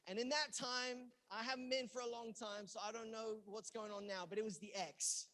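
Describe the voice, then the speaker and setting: Animated storytelling male pastor from England. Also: high-pitched, normal speed. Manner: animated storyteller who acts out quoted lines with loud outbursts. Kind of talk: sermon storytelling. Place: church in Los Angeles.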